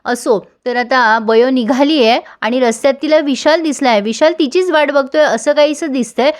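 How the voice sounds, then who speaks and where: A woman retells a TV serial episode in a chatty, casual way. She talks straight to her viewers, and her voice sits high. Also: moderate pace. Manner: chatty, addresses viewers directly. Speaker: serial recap narrator.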